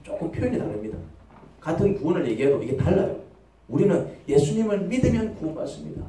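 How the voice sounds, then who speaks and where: A man's voice: on the high side, very animated, fast talker, warm tone. A man preaching a sermon as pastor, firing off rhetorical questions and acting out short quoted voices. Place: church sanctuary. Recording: echoey church hall, voice from far off the mic.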